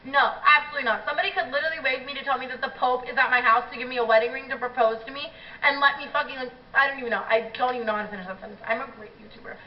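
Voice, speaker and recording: A young woman tells a story in a casual vlog, animated and profane, with filler words in almost every phrase. Her voice sits a little high. She is heard from some distance in an echoey room, and the recording sounds dull. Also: very fast. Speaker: YouTuber.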